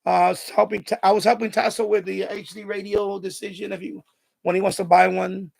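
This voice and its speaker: A man in his fifties, born in Puerto Rico and raised in the Bronx, chats on his radio hobby live stream with a heavy Bronx New York accent. He's animated, high-intensity and worked up, his gravelly voice moving fairly quickly.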